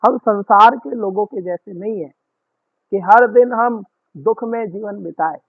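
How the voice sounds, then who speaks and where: A man preaching a sermon as pastor, earnest and repetitive, leaning slowly on key words. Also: high-pitched, no echo. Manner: earnest, repetitive preaching with slow emphatic stresses. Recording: tinny phone-like dry recording.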